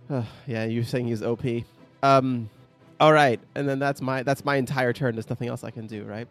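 Excitable man, quick to exclaim. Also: mid-range voice, faint music behind. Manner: excitable, exclaims and laughs often. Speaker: player. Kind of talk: tabletop game play.

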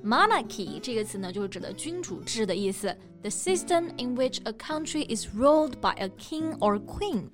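Woman co-host for an English lesson podcast, fairly high voice, faint music under her. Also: big pitch swings, normal speed, few pauses. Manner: explains word meanings step by step. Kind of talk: bilingual language lesson.

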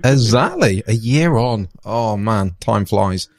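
A man's voice: fairly low pitch, animated, slow pace, studio quality. A man hosting a podcast in a casual, jokey way, recorded in an echoey bare room. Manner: jokey, laughs often. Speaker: podcast host. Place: room being decorated, indoors.

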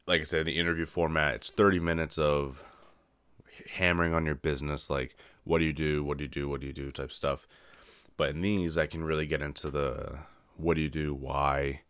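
A man with a very deep, clear, resonant voice hosts his own solo podcast in a dry recording. He chats casually in an upbeat, rambling way, sounding tired, with fillers and yawns.

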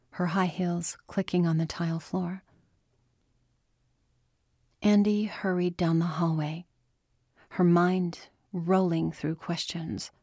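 A woman reads a novel aloud in a steady, unhurried voice, pitched on the low side. The sound is close and dry with no room around it. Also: breathy edge, no echo. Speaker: narrator. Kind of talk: audiobook narration.

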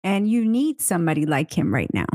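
A woman's voice: fairly low pitch, big pitch swings, a little fast, a little mellow, no echo, clean studio sound. A woman in a casual political chat, making sardonic, profane quips.

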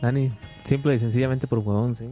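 A man's voice: medium pitch, fairly even intonation, fast, warm tone, faint music behind. A young man co-hosting a casual podcast chat, laid-back and laughing. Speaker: podcast co-host.

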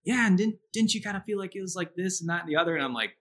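Bright-voiced male podcast host. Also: high voice, rapid-fire. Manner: relaxed, chatty, laughs easily. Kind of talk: casual interview chat.

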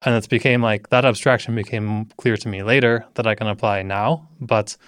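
A man's voice: lowish voice, fairly even intonation, moderate pace, a bit bright, clean tone, no echo, clean studio sound. A man hosting a podcast, asking questions in a casual way with lots of fillers. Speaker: podcast host. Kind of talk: podcast interview.

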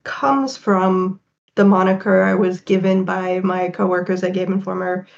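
A woman who writes about games, talking quickly and animatedly as a podcast guest, with fillers. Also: lowish voice, little pitch movement, creaky, muffled recording. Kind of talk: casual interview chat.

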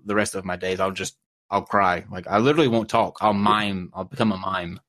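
Lowish man with a cracking voice. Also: a little fast, fairly bright tone. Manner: self-deprecating, rambling. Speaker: co-host reading super chats. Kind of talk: casual livestream chat.

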